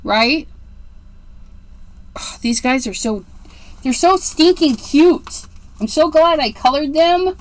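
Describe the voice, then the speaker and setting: A woman in her forties hosts a casual card-making livestream, chatting and rambling as she gushes over how cute everything is. Her voice sits high and animated, and she speaks slowly with long pauses. The recording is rough.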